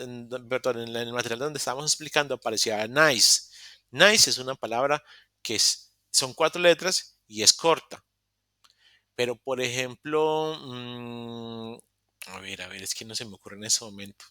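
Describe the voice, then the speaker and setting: A man's voice: medium pitch, steady tone, moderate pace, sharp tone, no room sound, clean studio sound. A man teaching an English class over a video call, explaining step by step and often restarting his sentences. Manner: explains step by step with many restarts and self-corrections. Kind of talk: live online class explanation.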